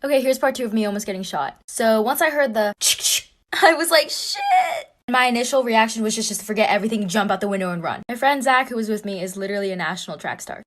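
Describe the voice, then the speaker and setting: Fast-talking young woman telling a story. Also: medium pitch. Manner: chatty, quick, conspiratorial retelling. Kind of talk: casual storytime.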